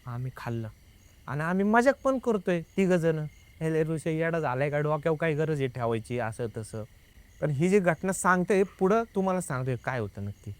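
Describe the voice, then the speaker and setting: A man's voice: on the high side, clear, resonant tone. A young man, a guest, telling a personal experience in casual conversation, acting out the dialogue and often adding "I said". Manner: lively, re-enacts dialogue with many "I said" tags. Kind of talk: casual spoken storytelling.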